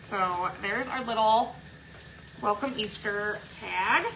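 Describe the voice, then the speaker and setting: A woman's voice: medium pitch, slow, sharp tone, slight background noise, rough recording. A woman chatting casually at home while she works on a craft project, teasing her husband and laughing along. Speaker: craft livestream host. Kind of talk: casual craft livestream chat. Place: home workroom.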